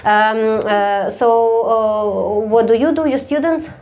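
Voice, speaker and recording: Eine Komikerin, die auf einer Live-Bühne stumpf und neckend mit dem Publikum spricht und oft lacht. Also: female voice, a little high, takes it slowly, a little mellow, a little hiss or hum. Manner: blunt, teasing, laughs often. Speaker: stand-up comedian. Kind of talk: stand-up crowd work. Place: live comedy stage.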